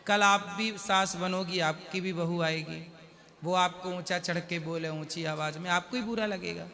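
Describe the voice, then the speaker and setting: A man speaking as a spiritual guru, counseling a married couple. He asks questions and slows down to recite couplets. His voice is high and bright, and it carries a long hall reverb. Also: steady tone, vocal fry. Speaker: spiritual guru giving advice on stage. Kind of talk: devotional advice to a couple.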